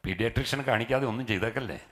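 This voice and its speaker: A middle-aged male pastor delivers a sermon with a bright, forceful voice. His pitch sits in an ordinary middle range. He sprinkles in hallelujahs and builds to rousing, emphatic calls. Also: very fast. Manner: preaching with frequent hallelujahs and rising emphatic calls.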